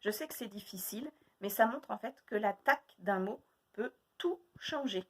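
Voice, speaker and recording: A woman teaching a phonics lesson to young children, speaking slowly and repeating each sound and word deliberately. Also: mid-range voice, expressive, fairly bright tone, husky.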